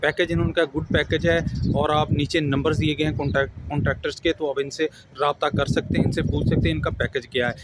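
In a casual vlog shot outdoors on a grassy lawn by buildings, a man holds the camera at arm's length and earnestly gives job advice, addressing viewers as friends. His slightly high voice is fast, with few pauses and fairly even intonation. Traffic noise fills the outdoor ambience.

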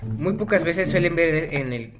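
A man's voice: a little high, expressive, measured pace. A teenage boy with a Mexican accent, chatting casually over his gameplay in a rambling, jokey way that keeps correcting itself. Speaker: gaming YouTuber.

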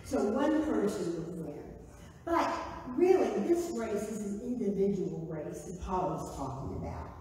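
A woman, a pastor giving a conversational, animated sermon in a church. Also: mid-range voice, measured pace, slight background noise. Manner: conversational, animated, gestures while preaching. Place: church sanctuary, indoors. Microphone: far camera. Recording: echoey sanctuary from far off.

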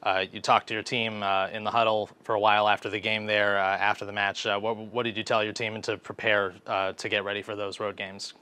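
A young man hosting a post-game interview for a college sports network in a brisk broadcaster manner. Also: lowish voice, level tone, pushed and bright, clean tone. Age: young adult. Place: indoor press backdrop. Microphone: clip-on lapel mic.

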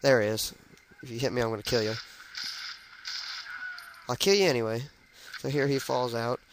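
Gravelly guy narrating his gameplay. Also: medium pitch, fairly even intonation, fast, background noise. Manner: chatty, jokey, narrates his moves as he plays. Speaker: let's play gamer. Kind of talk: casual gameplay commentary.

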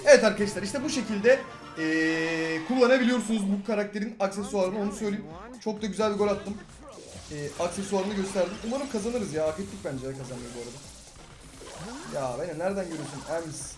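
A young man with a Turkish accent giving excitable live gameplay commentary, talking to teammates and viewers with sudden loud outbursts. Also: sits high, fast talker. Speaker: gaming YouTuber. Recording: roomy sound with game music behind.

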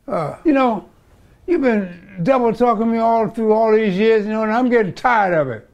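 A man's voice: high-pitched, moderate pace, muffled recording. An actor playing a stubborn middle-aged father who scolds and grumbles at his son. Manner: scolding, repeats calls, shouts the name. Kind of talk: comedy sketch acting.

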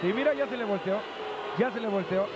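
A man's voice: sits high, fairly quick. A man with a Mexican accent commentating live wrestling, often repeating his phrases. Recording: noisy arena broadcast. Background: arena noise.

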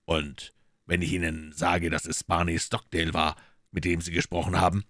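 A man voicing a calm, ironic detective in a German audiobook, speaking low and measured. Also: dry recording, clean studio sound. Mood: cool ironic. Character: Sherlock Holmes, cool calm detective, man.

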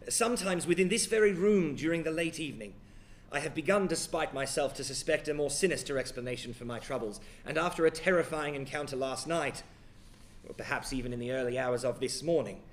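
A haggard, frightened gentleman, voiced by a man speaks in formal, stammering phrases. He has an Australian accent and a gruff edge, and his speech comes out stiff and halting. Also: on the high side, lightly acted. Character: haggard, fearful wealthy older gentleman.

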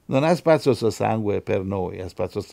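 Male preacher, gravelly, dark tone, fervent radio sermon, dry close sound. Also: on the low side, lively intonation, normal speed, dry recording. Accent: Italian. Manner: fervent, swings from loud exhortation to soft prayer. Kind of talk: radio sermon with scripture reading.

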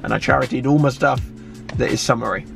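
Casual male vlogger, twenties, southern English, mid-pitched gravelly voice, music underneath. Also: fast talker. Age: 20s. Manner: chatty, informal. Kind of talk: casual vlog chat. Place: in a parked car, on city streets and in shops. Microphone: handheld vlog camera at arm's length.

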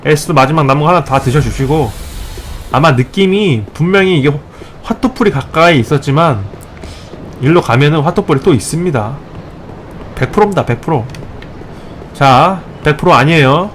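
A man's voice: fairly high pitch, moderate pace, pauses often, a little hiss or hum. Playful man giving mock game tutorials. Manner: excitable outbursts during fights. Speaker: gaming channel host. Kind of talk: let's play commentary.

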